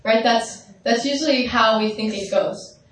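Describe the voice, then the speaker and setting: Teaching meditation in a large, echoey hall without a microphone, a woman guides her listeners through visualizations and checks in with them often. Her strong, carrying voice is a little high and fairly bright at a moderate pace, recorded from a distance with roomy echo.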